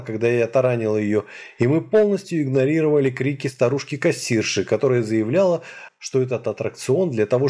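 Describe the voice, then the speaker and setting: A man with a husky voice narrating a first-person audiobook story at an even, measured pace. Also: medium pitch.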